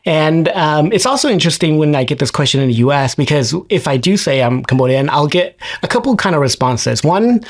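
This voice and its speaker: A man from California who now lives in China, speaking as a guest on a podcast in a thoughtful, reflective way, with frequent ums and restarts. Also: medium pitch. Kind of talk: reflective conversational talk. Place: living in China.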